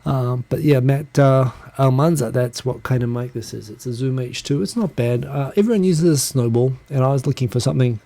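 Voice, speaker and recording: This solo live chat features a man from New Zealand whose voice is medium in pitch, dark and mellow, with some vocal fry. He rambles quickly and self-deprecatingly with frequent restarts, speaking close to a handheld USB recorder mic while a computer fan hums.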